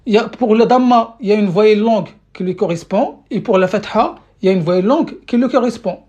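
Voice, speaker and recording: A woman's voice: medium pitch, fast, warm tone, dull audio. A woman giving a live-streamed Arabic lesson in French, patiently repeating questions to her viewers, with many fillers and restarts. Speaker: Arabic teacher. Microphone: phone or webcam mic.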